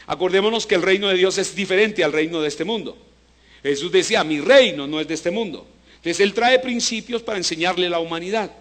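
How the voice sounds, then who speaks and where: High-voiced male pastor preaching. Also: a little fast. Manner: preaching with call-and-response to the congregation; swings between loud emphasis and low, hushed delivery. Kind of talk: sermon.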